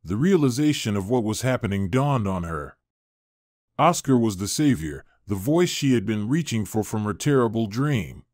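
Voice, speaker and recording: A man narrating a dramatic story in a smooth, expressive reading style. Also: on the low side, normal speed, dry recording, studio quality.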